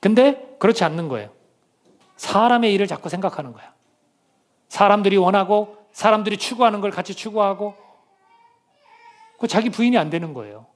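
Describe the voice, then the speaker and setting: A man's voice: sits high, animated, brisk, long pauses. A man preaching a sermon as pastor. He asks the congregation questions, reads scripture aloud with them, and acts out quoted speech in dramatic bursts.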